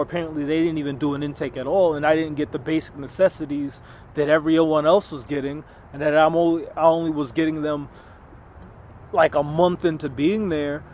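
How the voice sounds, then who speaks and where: A man's voice: a little high, fairly even intonation, fairly quick, a little mellow, slight background noise. A man talking through his own story in an earnest, rambling monologue, often restarting and repeating words. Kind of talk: unscripted personal monologue.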